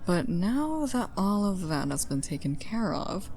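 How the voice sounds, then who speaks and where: A woman at medium pitch, with big swings in her voice, a slightly mellow tone and a little hiss or hum, performs an intimate ASMR roleplay. Playing a flirty stranger, she teases and coaxes in a one-sided, inviting dialogue, drawing things out with breathy asides.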